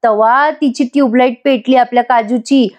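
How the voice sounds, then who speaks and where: A woman's voice: fairly high pitch, steady tone, moderate pace. A woman narrating a voice-over recap of a TV serial episode, speaking to viewers. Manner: chatty retelling, addresses viewers.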